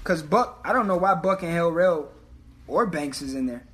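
A high-pitched man co-hosts a casual chat. He is loudly opinionated, ribbing people and challenging their picks in slangy, profane language. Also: lively intonation, normal speed, slight background noise. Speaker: podcast co-host.

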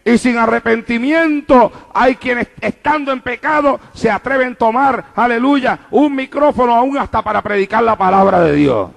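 High, gravelly fervent male preacher. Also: moderate pace, hardly any pauses. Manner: fervent, repetitive cadence, calls to the congregation. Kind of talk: evangelical sermon. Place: church in New York.

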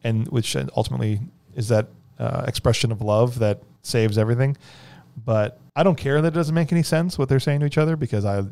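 Male podcast host, medium pitch, casual jokey film discussion. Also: a little fast, vocal fry, darkish tone, smooth.

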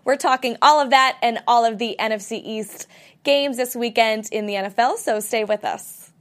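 A woman hosting a casual sports talk show in a studio, upbeat and quick to laugh. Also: a little high, a bit bright, slight background noise.

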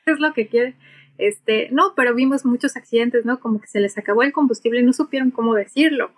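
A pilot who also teaches aviation English, this middle-aged woman with a Mexican Spanish accent talks briskly in a fairly high voice. As an interview guest she answers conversationally and uses acted-out examples to make her points.

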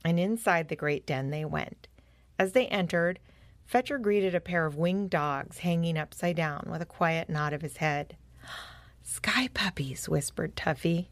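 Gentle woman reading a children's story. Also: fairly low pitch, no echo. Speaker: narrator.

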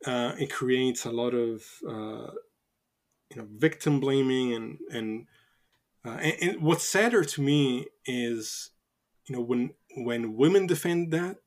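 Man in his thirties, halting podcast talk. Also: medium pitch. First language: not English. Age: 30s. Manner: halting, frequent restarts and fillers. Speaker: podcast guest. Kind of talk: casual podcast chat.

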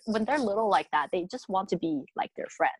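A woman's voice: mid-range voice, lively intonation, fairly quick, breathy edge, no room sound, rough recording. A woman in her thirties with a Taiwanese accent, talking reflectively as an interviewee, with many fillers and restarts. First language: Mandarin. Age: 30s. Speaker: interviewee, mother. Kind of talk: casual interview chat.

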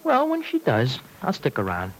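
Uneducated, loyal young city fellow; slangy, lively radio serial delivery. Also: male voice, medium pitch, moderate pace, slight background noise, poor audio. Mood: wary, protective. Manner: slangy, plainspoken, ungrammatical. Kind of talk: old radio soap acting.

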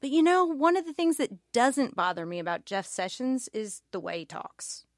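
A woman's voice: a little high, big pitch swings, normal speed, no echo, studio quality. A woman with a Southern American accent gives a wry, pointed political commentary as podcast host.

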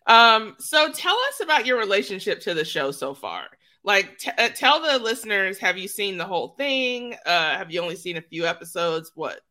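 Bright-voiced woman hosting a podcast. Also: mid-range voice, sing-song, normal speed, few pauses. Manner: easygoing, asks questions, teasing. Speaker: podcast host. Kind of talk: casual podcast chat.

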